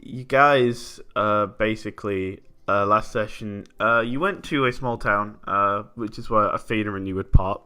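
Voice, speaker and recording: Bright-voiced man running a tabletop game. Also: lowish voice, unhurried, hardly any pauses, clear, resonant tone. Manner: chatty, laughs easily. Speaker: game master.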